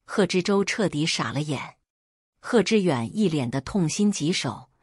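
Woman, story narration, low pitch, very lively intonation, husky, dry. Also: unhurried, dry recording.

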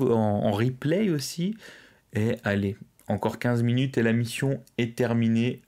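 A man's voice: on the low side, darkish tone. A young man hosting a live stream, casually chatting and reading out viewers' messages. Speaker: livestream host. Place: indoors, at a streaming desk.

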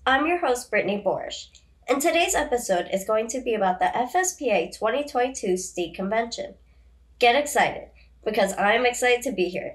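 A teenage girl hosting a student podcast interview, upbeat and reading from a script. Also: a little high. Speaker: podcast host.

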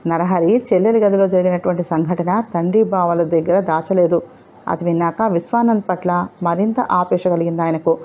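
A woman narrating a novel in a steady, even storytelling manner. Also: on the low side, a little fast.

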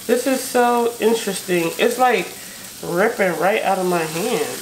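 A slightly high, sing-song American voice takes its time as this home cook vlogger thinks aloud, chatting informally while she cooks. In her indoor kitchen there's echo, a noisy sizzling stove, clicks, and stirring.

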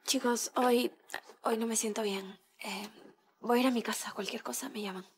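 A woman's voice: on the high side, animated, slow pace, a little hiss or hum. An actress playing an earnest, lovelorn young woman in a TV drama. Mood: uneasy. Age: 20s. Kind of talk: TV drama acting.

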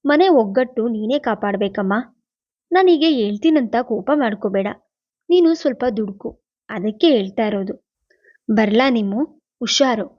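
A caring mother, voiced by a woman narrator, gently advising her daughter. The voice is fairly high, and the recording is a little muffled. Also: lively intonation, normal speed, long pauses. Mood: tender. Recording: dull lo-fi recording.

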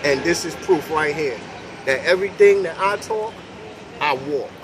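A middle-aged man, from Brooklyn, leading a spoken prayer in a preacherly, measured way, recorded on a phone at night on a city sidewalk under an elevated train. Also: fairly high pitch. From Brooklyn, New York. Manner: preacherly, measured, emphatic pauses. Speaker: prayer leader in an online group. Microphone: phone camera at arm's length. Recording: very loud passing train noise outdoors.

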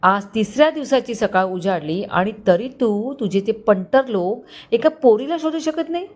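A woman voicing a shrill, scheming middle-aged aunt who shouts in a spoken story. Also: a little slow, close to an everyday voice. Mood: shouting.

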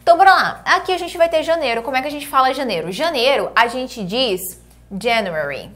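A young adult Brazilian woman with a Brazilian Portuguese accent, teaching an online English lesson in an upbeat way, drilling words slowly. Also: sits high, expressive, a bit bright.

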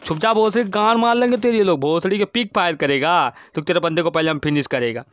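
A man giving profane, frantic commentary while playing an online shooter, constantly shouting at his teammates, recorded on a dull lo-fi mic. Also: high-pitched, a little fast. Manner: swearing, yelling at teammates. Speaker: gaming streamer.

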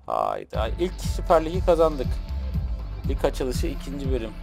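A man streaming a football video game, giving casual, excitable commentary and talking to the game and his chat. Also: a little high, moderate pace, faint music behind. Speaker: gaming streamer.

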